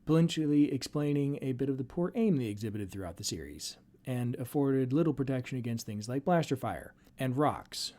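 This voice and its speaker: A man's voice: mid-range voice, animated, moderate pace, hardly any pauses, noisy background. A man narrating an explanatory fan commentary as a host, with wry, dryly sardonic asides. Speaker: host and narrator of a video series.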